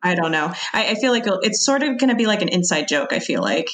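A woman with a slightly low voice chats as a podcast guest. She is informal and somewhat tentative, working out her thoughts aloud in an everyday conversational style. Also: very animated, quick pace, fairly bright tone. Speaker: podcast guest, freelance video editor.

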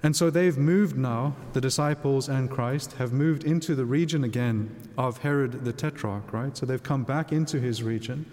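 Male priest doing a gospel reading and homily, measured, big cathedral echo on everything. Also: medium pitch, darkish tone. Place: large reverberant church.

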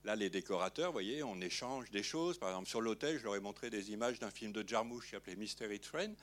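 This director speaks fast in a somewhat low, slightly bright voice during an interview conversation. He rambles, scattering fillers through his sentences, frequently "hein".

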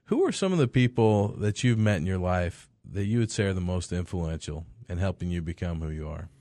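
A male podcast host with a lowish voice asks long, carefully framed questions in an encouraging tone. He is recorded close to the mic in a dry room. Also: animated, fairly quick, warm tone, no echo. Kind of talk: interview questions.

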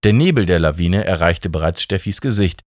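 A man with a northern German accent reading a story aloud on radio, in a deadpan, low-key way. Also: fairly quick, dry recording, clean studio sound. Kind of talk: scripted narration. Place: studio.

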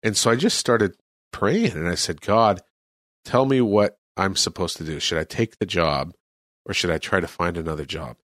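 A man's voice: low-pitched, animated, normal speed, a bit bright, no room sound, studio quality. A man from California, a missionary, talking earnestly about faith in an interview. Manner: earnest, preacherly.

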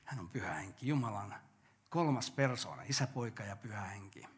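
An older male pastor preaching a sermon earnestly, asking rhetorical questions and answering them. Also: lowish voice.

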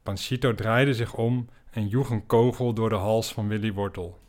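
A man hosting a podcast, telling an absurd comic story in a dry, deadpan way. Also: fairly low pitch, normal speed. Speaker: podcast host.

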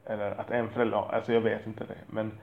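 Blunt, cursing father with a gravelly voice. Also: lowish voice, completely flat delivery, roomy sound, phone-quality sound. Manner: blunt and profane, rambling, self-deprecating. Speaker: father talking about parenting. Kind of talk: candid monologue.

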